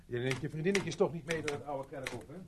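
An actor dubbing a stern police sergeant who questions in a probing way. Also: male voice, a little high, quick pace, background noise, close to an everyday voice. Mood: casual. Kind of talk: dubbed film acting.

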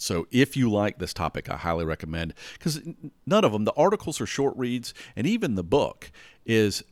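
A man's voice: lowish voice, dry recording. A man hosting a solo podcast, talking casually and rambling, often restarting and checking in with listeners. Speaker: podcast host. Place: indoors at home with windows closed.

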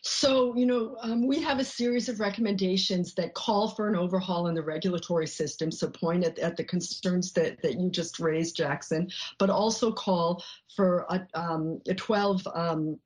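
A woman researcher answering interview questions in a measured way, often pausing with "um" and "you know.". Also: on the low side, steady tone, a little mellow. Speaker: researcher guest.

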